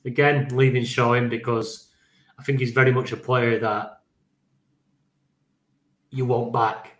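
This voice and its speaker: Casual male co-host, mid pitch, roomy echoey sound. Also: flat delivery, measured pace. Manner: casual, swears, laughs easily. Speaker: podcast co-host. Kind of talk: casual chat. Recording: roomy echo.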